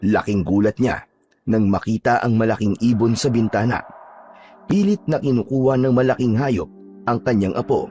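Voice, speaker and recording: A man narrating a scripted horror story in a measured, dramatic way. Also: medium pitch, mellow, faint music behind.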